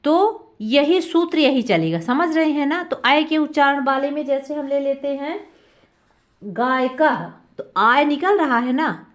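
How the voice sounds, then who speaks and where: High-voiced woman teaching grammar. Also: animated, measured pace. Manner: repeats questions and answers them herself, drawing out key sounds. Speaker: Sanskrit teacher. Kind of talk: classroom lesson explaining grammar.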